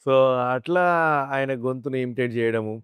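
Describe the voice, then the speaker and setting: A man, a mimicry artist, telling animated stories about his life and slipping into imitated voices. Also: medium pitch, normal speed, clean tone, dry recording. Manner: animated storyteller who slips into chanting and imitated voices. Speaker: mimicry artist, interview guest. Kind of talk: casual interview storytelling.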